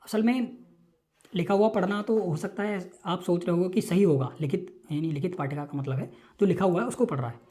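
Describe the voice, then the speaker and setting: Low-voiced lady teacher going over sanskrit verses, repeats stuff, keeps asking if you got it. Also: warm tone. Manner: explains slowly, repeating terms and asking checking questions. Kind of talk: online lecture explaining a text.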